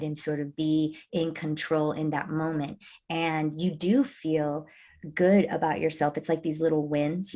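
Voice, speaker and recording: A woman's voice: deep voice, a little mellow. A woman hosting an interview, responding thoughtfully and affirming her guest's ideas. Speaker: host. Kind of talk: conversational interview.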